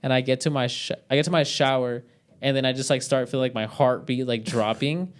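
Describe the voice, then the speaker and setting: A man's voice: mid-range voice, steady tone, a little fast, clear, resonant tone. A young man telling a story in casual podcast chat, rambling and swearing with many fillers.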